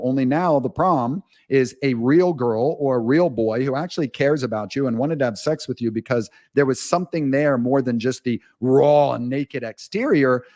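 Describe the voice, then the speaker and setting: A man's voice: medium pitch, a little mellow. A man as a podcast guest, speaking candidly and at length in a rambling storytelling manner with frank asides. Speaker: guest, author. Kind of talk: casual podcast conversation.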